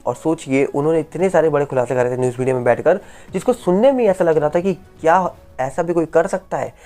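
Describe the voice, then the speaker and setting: Woman, entertainment news commentator, low voice, very fast delivery, rhetorical questions, close mic. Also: mellow. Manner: rhetorical questions, repetitive emphatic phrasing. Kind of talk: rapid spoken news commentary.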